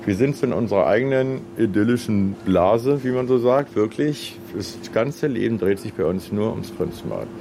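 A man with a lowish voice chats effusively and colloquially, like a stallholder telling an interviewer about the business. Clear outdoor background noise runs behind him. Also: expressive, moderate pace, hardly any pauses. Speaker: swimming pool kiosk vendor. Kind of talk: chatty interview talk. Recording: clearly noisy outdoor location.

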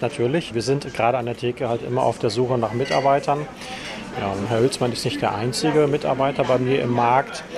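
A man, a store owner, explaining his views in a conversational interview. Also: medium pitch. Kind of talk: interview statement.

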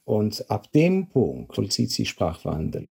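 A man speaking as an interviewed expert, giving a thoughtful, reflective answer and pausing to search for words. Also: fairly low pitch, huge pitch swings, creaky, dark tone, husky.

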